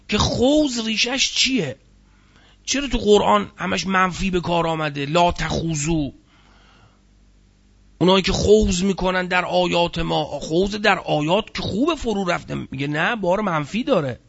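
A man whose voice sits high, creaky and a bit bright, teaches about Quranic word meanings on a lo-fi recording. He explains each term, stresses key words, and asks rhetorical questions.

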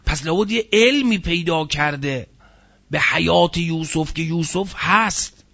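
Lo-fi audio captures a man with a high-leaning, gravelly, somewhat bright voice giving a religious lecture. Going through Quranic vocabulary term by term, he emphasizes key words and asks his audience rhetorical questions.

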